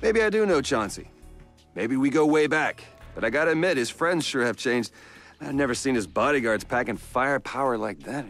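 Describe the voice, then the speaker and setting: A smart-mouthed former archaeologist under interrogation in a video game. He answers with snide, mocking quips. His pitch moves up and down freely. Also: moderate pace, faint music behind. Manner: snarky, mocking, excitable. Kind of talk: video game cutscene voice acting.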